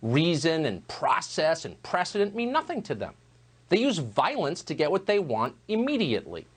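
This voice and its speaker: A man delivering a scripted opinion monologue as a news host, measured and emphatic. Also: a little high, huge pitch swings, husky.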